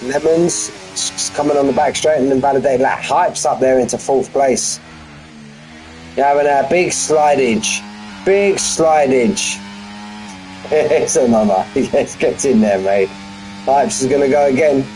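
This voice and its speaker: A man's voice: medium pitch, normal speed, warm tone, soft background music, poor audio. A man giving live race commentary on a stream from his front room at home, chatty and full of banter with his viewers. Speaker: sim racing commentator.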